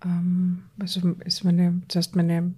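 A woman's voice: on the low side, completely flat delivery, slow, mellow, slightly rough. A woman coach speaks in an interview with earnest conviction and lays stress by repeating key words. Her talk is conversational and full of small restarts.

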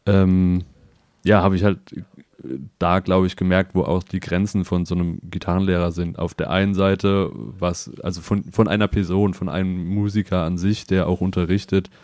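A man speaking as the guest guitarist in a casual interview, calm and matter-of-fact. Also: low voice, moderate pace, no room sound. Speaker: guest musician.

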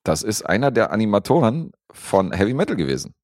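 A man co-hosting a podcast, reviewing a film in a relaxed, rambling way with lots of fillers. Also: lowish voice, fairly quick, dry recording, studio quality. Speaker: podcast co-host reviewing films. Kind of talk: casual chat.

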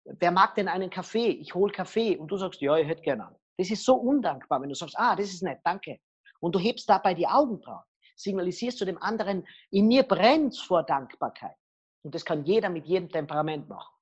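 A middle-aged woman speaking as a guest expert on body language, telling lively stories full of acted quotes. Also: on the low side, fairly quick, slightly rough, muffled recording. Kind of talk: podcast interview.

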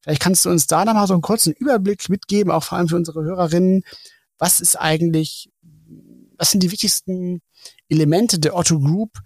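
Male podcast host, slightly high, husky, dry close sound, friendly questions. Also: brisk, no room sound. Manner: friendly, affirming, asks long questions. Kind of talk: conversational podcast interview.

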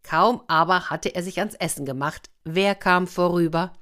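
A woman reads a children's fairy tale aloud in a somewhat low voice. She keeps it lively and turns to her young listeners now and then. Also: moderate pace. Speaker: children's storyteller.

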